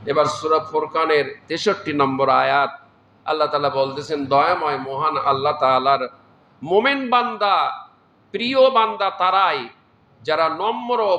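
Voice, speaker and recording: A man's voice: a little high, pushed and bright. A man preaching a sermon, explaining scripture verse by verse and often breaking into exclamations of praise. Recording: echoey room.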